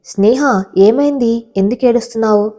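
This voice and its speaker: A woman's voice: a little high, moderate pace, warm tone, natural voice. A woman voicing an earnest young man in love in a storybook reading, speaking in an earnest, pained way.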